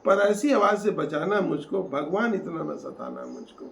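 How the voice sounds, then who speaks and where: A man reciting his own poem, repeating each line and growing loud and emotional. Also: on the high side, big pitch swings, normal speed, vocal fry, slight background noise. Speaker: poet. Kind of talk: poetry recitation. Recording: echoey room, faint ambience.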